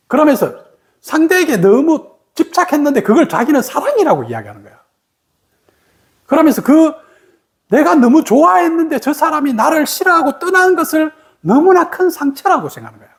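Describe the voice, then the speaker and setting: A woman giving a meditation talk, explaining patiently with everyday examples and asking the listeners rhetorical questions. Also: sits high. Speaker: meditation teacher. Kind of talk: spoken meditation teaching.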